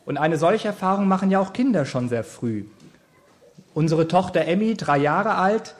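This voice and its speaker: A man's voice: high voice, lively intonation, normal speed. A man in his thirties giving a sermon in an earnest, explaining manner. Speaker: preacher.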